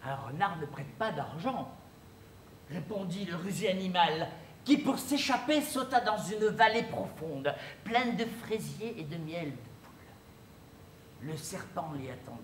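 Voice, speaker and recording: An actor playing a pompous husband in a stage play, telling a fable with slow, theatrical delivery and sudden shrieked outbursts. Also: animated, close to an everyday voice. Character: husband Mr Smith, pompous, proud of his wife. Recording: echoey theatre, faint rumble.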